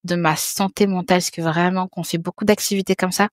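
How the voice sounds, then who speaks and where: A woman's voice: fairly low pitch, steady tone, fast, no room sound, clean studio sound. A woman in her thirties, a podcast guest talking frankly and casually, often repeating words and restarting her sentences. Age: 30s. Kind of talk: casual conversation.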